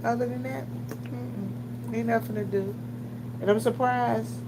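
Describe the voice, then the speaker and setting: With her fairly high voice at a measured pace, a gas station worker and vlogger from Washington, D.C. tells her viewers chatty stories. She acts out other people's words in an animated, colloquial way, while loud humming fills the noisy room.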